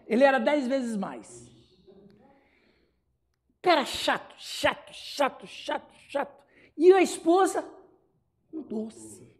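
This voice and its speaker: High-voiced animated Brazilian pastor. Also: male voice, slow pace, pauses often. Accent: Brazilian Portuguese. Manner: animated storyteller who acts out dialogue and laughs often. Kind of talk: expository Bible study sermon.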